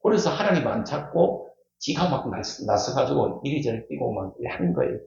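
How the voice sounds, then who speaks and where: A middle-aged male pastor preaches in a church. His pitch swings widely as he hammers home repeated key words and throws questions to the congregation. The sound is dull and lo-fi, with a strong echo from the hall. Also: very animated, moderate pace, creaky, darkish tone. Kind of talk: sermon. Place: church sanctuary.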